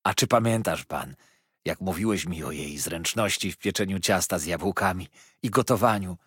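A kindly old bedridden man, worn down by rheumatism, murmurs his fond, plaintive complaints, as a male narrator puts him on. The voice is low and husky. It is recorded dry and close. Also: moderate pace, fairly bright tone, dry recording.

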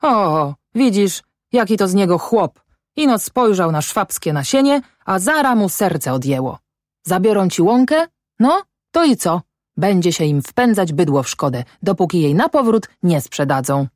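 A woman's voice: lowish voice, very animated, unhurried, a little mellow, dry recording, clean studio sound. A woman voicing a furious, scolding peasant wife. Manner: scolding, voice rising in outrage. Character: angry, stubborn peasant farm wife. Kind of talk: audiobook character voice.

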